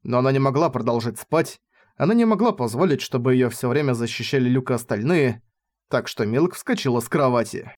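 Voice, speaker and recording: A man's voice: mid-range voice, lively intonation, fairly quick, a little mellow. Man reading a novel aloud. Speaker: audiobook narrator. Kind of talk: scripted narration of a novel.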